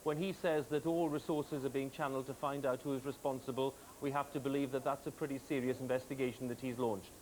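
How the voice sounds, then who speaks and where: A British man presenting live television news, measured and formal, heard from a worn VHS tape copy. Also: mid-range voice, steady tone, darkish tone, low-quality recording. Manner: measured, formal hand-offs to correspondents. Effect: worn VHS tape copy with hiss. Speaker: news anchor. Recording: hissy worn videotape copy.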